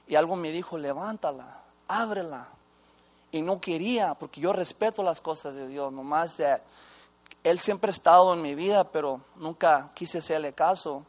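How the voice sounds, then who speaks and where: A former inmate with a high voice gives a personal faith testimony. He speaks haltingly, restarting sentences and mixing in English phrases.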